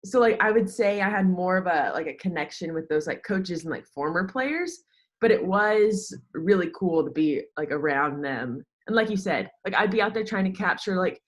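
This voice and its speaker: A podcast guest in her twenties with an American accent talks casually about her work in sports social media. She speaks at a moderate pace in a fairly low, expressive voice, peppering nearly every sentence with "like."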